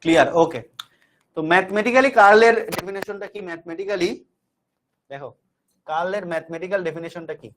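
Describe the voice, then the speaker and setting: A man's voice: sits high, quick pace, pauses often, slight background noise. A man teaching an online physics class, repeating each definition and checking whether students follow. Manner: talks to students directly and warmly checks understanding.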